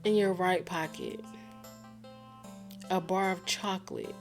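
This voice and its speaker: Woman streamer, slow talker, casual slangy let's-play reactions over faint game music. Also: fairly low pitch, steady tone. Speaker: gaming streamer. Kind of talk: let's-play commentary, reading game text aloud.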